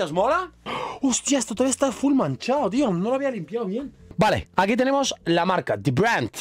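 A young man with a Spain Spanish accent, chatting excitedly and using plenty of slang as he unboxes clothes in a casual vlog. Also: sits high. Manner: excitable, slangy, shouts in bursts. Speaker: fashion unboxing youtuber.

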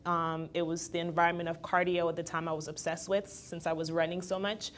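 With a lowish, brisk voice and a little hiss or hum in the recording, a Guyanese woman in her twenties speaks candidly as an interview guest. A fitness trainer and entrepreneur, she laughs easily in the casual chat and voices other people's words in animated ways.

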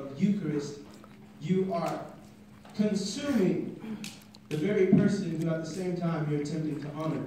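A young man performing spoken word poetry at a stand mic in a classroom, building from quiet intensity to shouting, filmed from the audience. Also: on the high side, slight background noise. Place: classroom at a conference, indoors. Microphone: stand mic, filmed by a phone from the audience. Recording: echoey room from far off.

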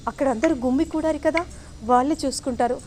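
A woman's voice: high voice, quick pace, darkish tone, slight background noise, lightly acted. A woman voicing a scheming middle-aged mother who coaxes her daughter to flee. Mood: urgent. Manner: urgent, coaxing.

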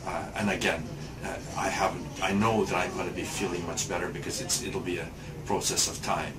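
A deep-voiced man in his sixties talks briskly with little pitch movement in a very noisy recording. He gives a patient testimonial in a small clinic room as casual interview answers, hesitant, with many fillers and restarts.

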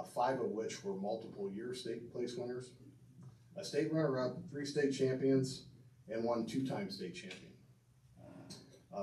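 Speaking with a warm, medium-pitched voice, a middle-aged man inducts his father into a hall of fame with an earnest, prepared tribute from a banquet-room podium, working from notes with fillers, restarts, and asides to the audience. Captured by a far camera picking up the podium mic, the sound is roomy and distant with faint room noise.

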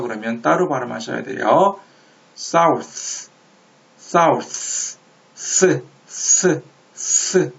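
A man's voice: medium pitch, vocal fry, muffled recording. A man teaching English pronunciation step by step, drawing out and repeating each sound for the learner. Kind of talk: step-by-step phonics lesson.

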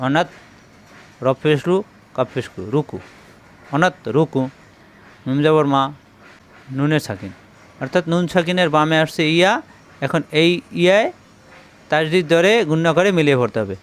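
A man teaching Quran reading, spelling Arabic letters out one syllable at a time with slow, patient drilling. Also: fairly high pitch, clear, resonant tone.

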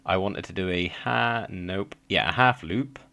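A man's voice: sits low, a little slow, vocal fry, sharp tone. A young man with a slight lisp chatting casually as he plays a building game, thinking aloud with frequent ums and little laughs. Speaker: gaming channel host. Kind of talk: casual let's play commentary.

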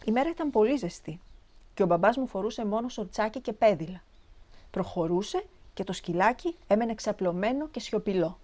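Expressive woman reading a story. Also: mid-range voice. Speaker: actress reading a short story. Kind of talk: storybook narration.

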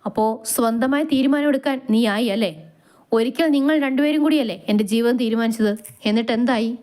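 A woman's voice: fairly high pitch, fairly quick, darkish tone, close to an everyday voice. A stern older father in a storybook, cold and bitter toward his son, played by a woman narrator. He speaks with firm, scornful finality.

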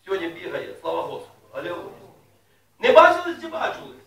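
A man preaching a sermon to his congregation in a folksy way, asking them questions and rising loudly when he reads scripture. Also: sits high, huge pitch swings, fast. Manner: folksy, asks the congregation questions, rises to loud reading. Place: church hall. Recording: echoey room, mic at a distance.

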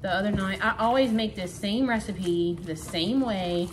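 Cooking in her own kitchen, a middle-aged vlogger chats casually and thinks out loud as she works. She speaks at medium pitch and a normal speed. The counter camera records background noise along with clattering dishes and pans.

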